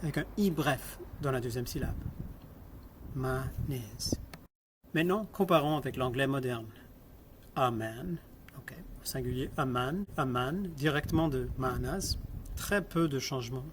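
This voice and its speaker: A man's voice: medium pitch, measured pace, background noise. A man lecturing on linguistics, explaining step by step, asking the class questions and repeating example words.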